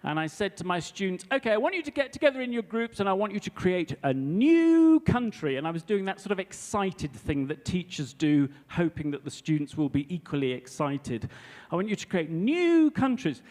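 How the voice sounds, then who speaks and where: A man in his fifties gives a conference talk to fellow teachers, telling a classroom story in a chatty way and checking in with his listeners. His voice sits slightly high. The sound rings with the long reverb of a large hall. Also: big pitch swings, moderate pace, darkish tone. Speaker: English language teacher presenting to teachers. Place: hall before a live audience.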